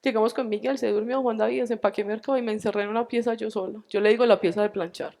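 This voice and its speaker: In a large hall at a church retreat, a fortysomething Colombian woman gives an animated faith testimony, performing the dialogue herself. She talks fast in a slightly high, gravelly voice.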